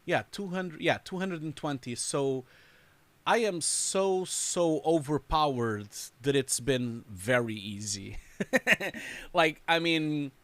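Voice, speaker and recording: A man's voice: a little high, lively intonation, slow, fairly bright tone. A man hosting a live stream, chatting casually and rambling, laughing often. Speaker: host reviewing showreels. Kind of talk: casual livestream chat.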